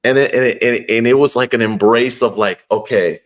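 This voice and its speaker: A man's voice: medium pitch, steady tone, a little fast. A young man, a fighter guest on a podcast, telling a long story in an earnest, heartfelt way, often restarting his sentences. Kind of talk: casual storytelling interview.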